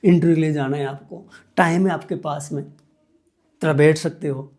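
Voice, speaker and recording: Speaking as a guest meditation teacher, a man with a fairly high, steady, slightly mellow voice moves at a moderate pace. He explains each step patiently and keeps repeating the key points.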